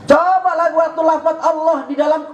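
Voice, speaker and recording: High-voiced Betawi preacher in an echoey hall. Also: male voice, flat delivery, fairly quick, muffled recording. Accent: Jakarta Betawi. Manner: joking, rising to shouts at points. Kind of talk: sermon. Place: mosque or prayer hall. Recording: echoey hall with faint hum.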